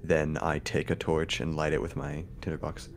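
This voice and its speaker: A man's voice: very deep voice, level tone, moderate pace, gravelly, slight background noise. A man playing in a tabletop game, chatting casually with dry, sarcastic asides. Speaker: player.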